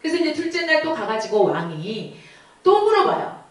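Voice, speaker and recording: A woman preaching to a youth group, retelling a scripture story with lively questions to the students. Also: high voice, moderate pace. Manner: animated, asks the listeners questions. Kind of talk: storytelling sermon. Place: church. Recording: echoey church hall from far off.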